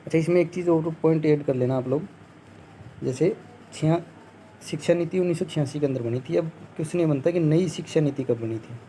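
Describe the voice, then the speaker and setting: A man's voice: a little high, fairly quick, dark tone, slight background noise, rough recording. A young man teaching a Hindi exam-prep lesson, explaining step by step, quizzing his students and answering his own questions. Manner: explains step by step, asks the class questions and answers them, often says "theek hai"; acts out scoffing crowd voices as jokes.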